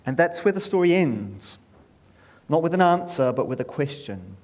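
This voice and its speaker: Male narrator for a spoken retelling, measured and solemn. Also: a little high, very animated, darkish tone. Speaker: storyteller. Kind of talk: scripted dramatic narration.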